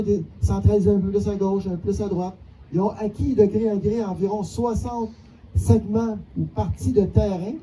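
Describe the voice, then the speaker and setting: Quebec-accented male organizer, earnest, detailed address; high voice, distant pickup over heavy background noise. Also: warm tone. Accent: Quebec French. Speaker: local organizer at a public meeting. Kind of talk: explanatory public address.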